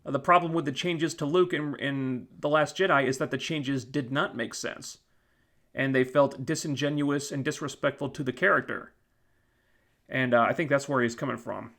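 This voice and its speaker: In a mid-range, fairly evenly intoned voice that's a bit bright, a man closes out a casual live stream at normal speed. The YouTube channel host is losing his voice, and his thank-yous to viewers ramble with many fillers and restarts.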